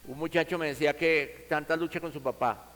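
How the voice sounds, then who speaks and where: A man's voice: fairly high pitch, steady tone, a little fast, fairly bright tone, big-room sound, poor audio. A man preaching a sermon to his congregation, speaking earnestly and conversationally, acting out vivid quoted examples.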